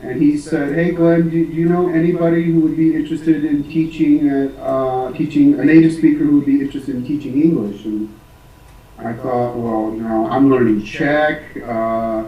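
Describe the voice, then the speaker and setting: A man's voice: on the high side, steady tone, moderate pace, phone-quality sound. Hesitant American man, distant and roomy. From United States. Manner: hesitant, many fillers and restarts. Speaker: English teacher, interview guest. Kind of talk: casual interview answers.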